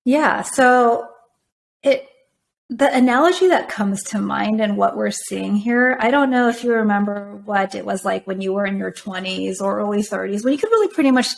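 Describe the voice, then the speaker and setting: A woman from Taiwan, a native Mandarin speaker, answering podcast interview questions in a measured, thoughtful way. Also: medium pitch, creaky. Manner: measured, thoughtful, with frequent fillers. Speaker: podcast guest, venture firm operator. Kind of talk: conversational interview.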